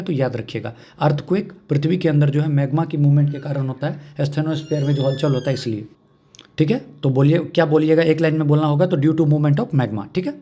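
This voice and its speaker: Mellow-voiced male exam-prep teacher. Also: on the high side. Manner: repeats key points, checks understanding with questions.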